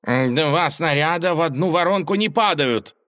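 A man's voice: on the high side, animated, unhurried, a bit bright, pitched above the performer's own voice. A man voicing an eager male scientist cat who wears a pince-nez and lectures with enthusiasm. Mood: enthusiastic.

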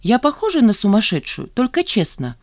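A woman reading an audiobook, voicing a proud, sharp-tongued young woman. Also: on the high side, wildly swooping pitch, a little fast, dry recording, studio quality, pitched above the performer's own voice. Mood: bitter, haughty. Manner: haughty, cutting retorts.

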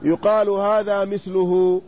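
High-voiced man teaching a lesson. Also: level tone, darkish tone. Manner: drawn-out repetition of word forms, questioning students. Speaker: sheikh teaching inheritance law. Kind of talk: classroom lesson with students. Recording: muffled lo-fi lecture recording with faint noise.

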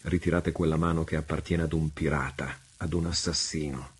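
A man's voice: a bass voice, steady tone, normal speed, slightly rough, exaggerated voice. A man voicing a stern naval captain who speaks coldly and with contempt. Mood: contemptuous. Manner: cold, contemptuous. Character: stern cold naval captain lord, disdainful.

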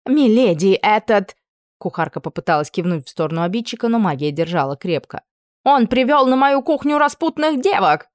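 A woman voicing a hot-tempered female cook who scolds loudly. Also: lowish voice, lively intonation, brisk, no echo, clean studio sound, natural voice. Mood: indignant.

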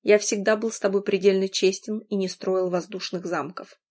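A woman's voice: mid-range voice, fairly even intonation, normal speed, darkish tone, natural voice. A woman reading an audiobook, voicing a furious wealthy man who swears and growls. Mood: enraged.

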